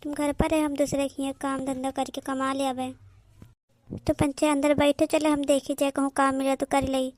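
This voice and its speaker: A woman's voice: high-pitched, level tone, moderate pace, darkish tone, lightly acted. A woman voicing an earnest, hardworking elder daughter-in-law and protective mother with an Awadhi accent. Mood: resolute.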